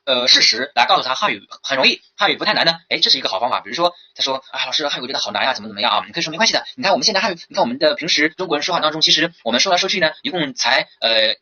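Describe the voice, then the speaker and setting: A man teaching as a language instructor in a recorded exam-prep lecture, lively and full of rhetorical questions. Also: fairly high pitch, racing, hardly any pauses, slightly rough, lo-fi sound.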